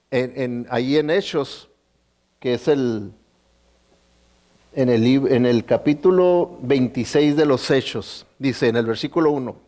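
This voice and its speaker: A man's voice: on the high side, darkish tone. Man preaching with checking-in questions. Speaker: pastor. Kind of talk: sermon.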